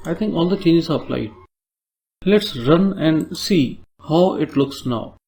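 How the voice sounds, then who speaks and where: A man's voice: on the high side, animated, unhurried, gravelly, a little mellow. A man with an Indian English accent teaching a coding tutorial, explaining step by step and checking in with tag questions. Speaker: programming tutor. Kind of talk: screen-recorded coding tutorial.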